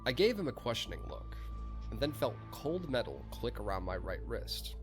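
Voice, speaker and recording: A man's voice: mid-range voice, sing-song, normal speed, music in the background. A man hosting a podcast, narrating a first-person story and chatting casually, laughing and swearing a lot. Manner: laughs and swears freely in chat.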